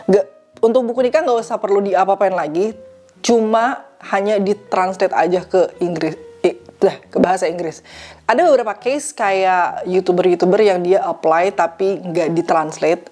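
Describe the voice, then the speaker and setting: A woman's voice: medium pitch, normal speed, dark tone, soft background music. A young woman from Indonesia answering viewer questions in a casual vlog, chatty and dropping in English phrases. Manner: chatty, mixes English phrases into her talk.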